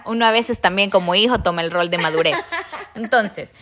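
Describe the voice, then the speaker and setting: A young woman from El Salvador, hosting a casual chat and telling stories in an animated way. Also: mid-range voice, normal speed, crowd noise. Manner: animated storyteller, acts out quoted voices. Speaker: podcast host.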